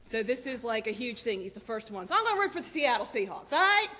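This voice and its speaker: A woman giving lively, chatty announcements to a church congregation, laughing often. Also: on the high side, fast talker. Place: church sanctuary. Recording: long church reverb.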